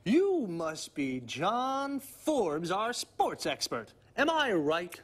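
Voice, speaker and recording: A man playing a friendly TV presenter introduces guests in a studio-style English lesson. He speaks slowly and very clearly, with lively, rising and falling pitch. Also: full character voice. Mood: cheerful. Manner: slow, clear, lively intonation. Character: friendly male TV presenter Eric. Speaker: TV presenter in a language course. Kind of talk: scripted beginner English lesson dialogue.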